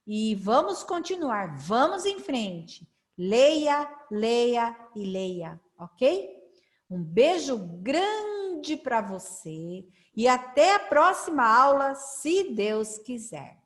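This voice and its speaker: A woman tutor with a Brazilian Portuguese accent, drilling syllables slowly in a sing-song, cheerful, coaxing way for a children's lesson. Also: fairly high pitch. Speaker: literacy tutor. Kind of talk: children's phonics lesson over slides.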